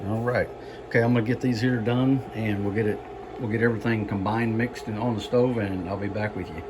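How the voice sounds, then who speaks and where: A man giving a casual home cooking demonstration, explaining things in a halting, unhurried, folksy way. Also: fairly low pitch, steady tone, background noise. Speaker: home cook presenting a recipe.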